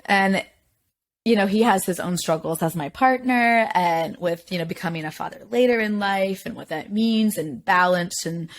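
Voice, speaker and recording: A woman hosts a podcast and talks in a candid, chatty way, with frequent laughter. Her voice sits at a middle pitch and stays relaxed and conversational. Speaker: podcast host.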